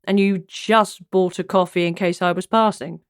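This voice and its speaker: A woman's voice: on the low side, fairly even intonation, normal speed, no echo, clean studio sound, close to an everyday voice. A woman voicing an easygoing, flirtatious male police detective in a cozy mystery audiobook.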